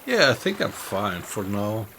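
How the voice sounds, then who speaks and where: Guy streaming a game, slow n creaky, thinks out loud, bit of typing noise. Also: fairly low pitch, big pitch swings. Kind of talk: casual live-stream chat while playing. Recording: background noise with keyboard typing.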